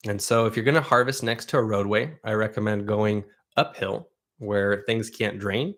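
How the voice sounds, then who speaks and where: Speaking at normal speed in a low, steady and fairly bright voice, this Southern Oregon man, whose first language is Russian, runs a livestream. He answers viewer questions in a casual, rambling, conversational way, often restarting his sentences.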